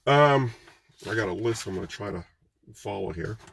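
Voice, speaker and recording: A man's voice: on the low side, normal speed, creaky, fairly bright tone, slightly rough. A man running for office, talking to camera in a loose, conversational campaign vlog, with many ums and restarts. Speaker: political candidate.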